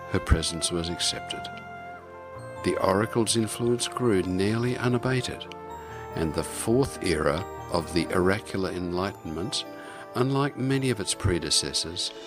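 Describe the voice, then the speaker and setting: A radio program host and narrator with a very low voice presents theatrically. His delivery is scripted and shaped like a story, with music clearly audible behind him.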